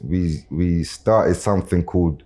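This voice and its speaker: A man's voice: sits low, unhurried, dark tone. A man with a South London roadman accent chatting casually as a guest rapper on a podcast, using plenty of street slang. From Brixton, South London. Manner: street slang with frequent tags like "innit" and "you know what I'm saying".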